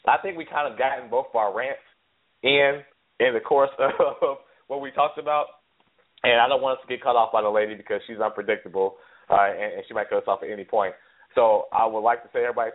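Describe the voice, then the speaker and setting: A man with a head cold and a stuffy voice, hosting a casual sports podcast. He talks in a relaxed way, laughs easily and often repeats his words. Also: medium pitch. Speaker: podcast host. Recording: phone-line audio.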